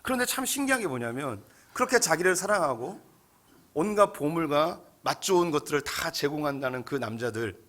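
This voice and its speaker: A male pastor preaching a sermon, telling the story in a lively, candid way. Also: fairly high pitch, fairly quick.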